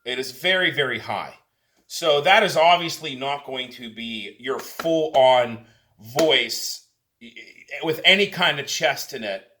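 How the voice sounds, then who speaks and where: A man, a tenor, giving a casual spoken singing lesson in a relaxed, halting way with many fillers and restarts. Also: medium pitch, slight background noise. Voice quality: tenor speaking voice. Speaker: singing teacher.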